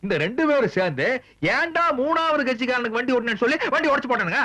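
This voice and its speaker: A man playing a cheeky driver in a comedy sketch, answering with deadpan replies. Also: very high voice, fast. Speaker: comic driver.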